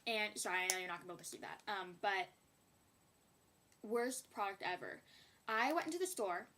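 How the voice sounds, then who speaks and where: A woman's voice: mid-range voice, fairly quick, a bit bright. A young woman chatting casually in a beauty haul video, rambling with giggly asides. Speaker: beauty vlogger.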